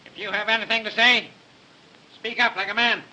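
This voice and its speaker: A cranky, barking crime writer. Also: male voice, high voice, steady tone, brisk, sharp tone, rough recording. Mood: grumpy. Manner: barking, insulting, impatient. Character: cranky irritable male crime-story writer. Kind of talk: early 1930s film acting.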